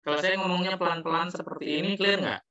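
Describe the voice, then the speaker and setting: Teaching English online, this man talks fast in a high, steady, sharp voice. He explains things patiently, slipping in English phrases, and the class recording sounds muffled and strongly echoey.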